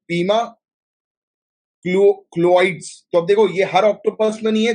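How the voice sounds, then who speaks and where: A north Indian man teaching a live online class for civil service exams, talking in a chatty, filler-heavy way. His voice sits a little high for a man. He slips English terms into his talk and keeps firing quick questions at his students. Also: a little mellow. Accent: Hindi-speaking north Indian. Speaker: exam coaching teacher.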